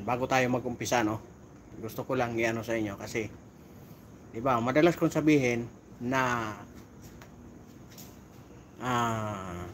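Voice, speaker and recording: A middle-aged man chatting casually on a live stream while on night volunteer duty outdoors, giving viewers shout-outs. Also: medium pitch, a little hiss or hum.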